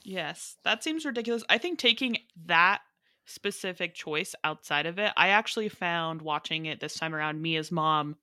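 A woman chats eagerly about a film with friends, her voice bright and forceful yet a touch low. She piles on agreement and memories in quick, casual runs. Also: expressive, dry recording. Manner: chatty, enthusiastic, quick to agree. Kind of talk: casual movie discussion.

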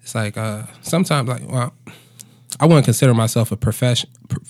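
A man's voice: medium pitch, a little fast, darkish tone, no room sound, clean studio sound. A man in his twenties, a musician chatting casually in a laid-back, slangy bro manner with plenty of swearing. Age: 20s. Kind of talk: casual conversational storytelling.

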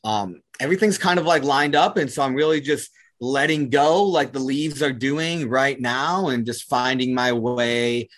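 A man speaking as a podcast guest in a relaxed, laid-back way, often saying "like". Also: medium pitch, a little slow, few pauses. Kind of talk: casual conversation.

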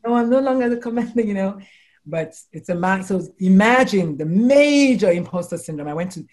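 A woman in her forties or older, a doctor and life coach from the United States, chatting casually in an interview and telling animated stories, with quotes acted out in high exclamations. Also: fairly quick. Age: 40s or older.

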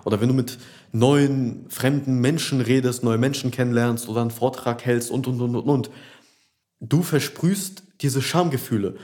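A man's voice: medium pitch, normal speed, mellow. A man talking as a dating coach in a blunt, direct coaching monologue, speaking right to the listener. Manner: blunt, addresses the listener as du, repeats "und, und, und".

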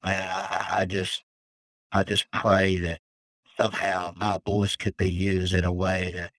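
A man's voice: deep voice, flat delivery, a little slow, a bit bright, no room sound, low-quality recording. A man calling in to share an emotional, earnest personal testimony of faith as a guest. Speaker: death row inmate guest. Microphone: phone call.

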